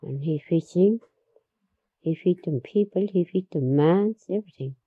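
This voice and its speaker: Woman storyteller, low husky voice, slow unhurried telling, muffled dry recording. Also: dry recording. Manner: unhurried, repeats herself, laughs between stories. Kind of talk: oral history storytelling.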